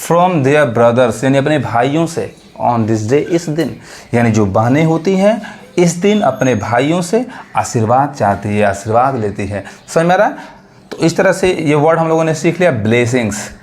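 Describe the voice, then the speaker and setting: A man teaches English vocabulary. He keeps asking questions, answers them himself, repeats each word and reads the example sentences slowly. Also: mid-range voice, expressive, darkish tone. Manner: repeats words and translations. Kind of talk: classroom-style vocabulary lesson.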